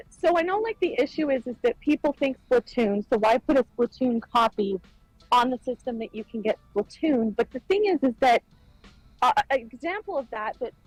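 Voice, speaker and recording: A woman's voice: high voice, no echo, low-quality recording. A woman co-hosting a gaming podcast over a remote call, rambling in casual chat with lots of fillers and restarts. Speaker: podcast co-host. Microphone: remote call-in mic.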